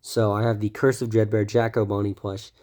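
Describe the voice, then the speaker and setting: A young man talks a little fast in a lowish, level, slightly mellow voice while showing off his toy collection. He's congested from a cold, and his casual ramble is dotted with ums and corrections of himself.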